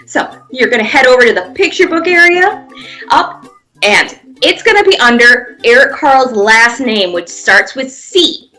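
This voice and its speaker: This children's museum presenter has a high, pushed, bright voice as she leads a pantomime for young kids. She offers simple step-by-step encouragement along with playful sound effects.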